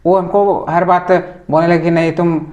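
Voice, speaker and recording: Earnest man with a fairly high voice. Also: little pitch movement, normal speed, darkish tone, lo-fi sound. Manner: earnest, respectful, addresses interviewer as sir. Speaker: complainant telling his story. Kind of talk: recounting a personal complaint to a reporter. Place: news office.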